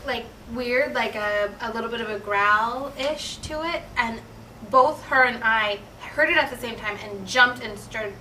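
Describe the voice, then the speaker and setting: Woman recounting a ghost hunt, hesitant, bright voice, echoey room, far from the mic. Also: fairly high pitch, unhurried, a little hiss or hum. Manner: hesitant, lots of fillers. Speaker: paranormal investigator. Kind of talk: casual group meeting. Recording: roomy, far from the camera.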